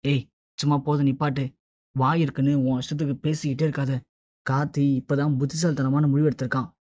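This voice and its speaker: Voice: medium pitch, flat delivery, fast, darkish tone, no room sound, close to an everyday voice. A narrator reading the lines of a scornful, scheming woman who taunts her family in a retold TV serial. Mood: taunting. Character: scheming, mocking woman of the house.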